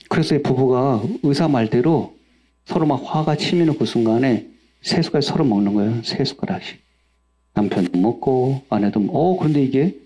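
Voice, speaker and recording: Preaching in a mellow, mid-range voice, a male pastor puts questions to his congregation and then supplies the answers himself. At times he raises his voice to act out angry outbursts.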